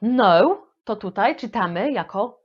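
A woman's voice: medium pitch, animated, slow pace, lo-fi sound. A woman teaching English vocabulary in a playful, affectionate manner, with frequent hesitation fillers. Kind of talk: lively language lesson.

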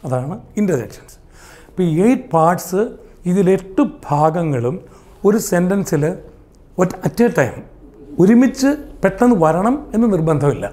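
A man's voice: high voice, lively intonation, unhurried, dark tone. A man with a Malayali accent teaching English grammar, asking the class questions and then answering them himself. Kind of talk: explaining grammar in a lesson.

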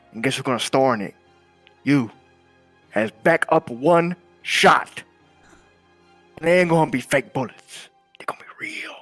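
A man's voice: mid-range voice, a bit bright, dry recording. Man acting intense, menacing music boss, dry close sound. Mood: angry, threatening. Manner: intense, brooding, repeats himself for effect. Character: menacing, aggrieved music boss confronting an underling. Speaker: role-player in an online crime game. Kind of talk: improvised game role-play.

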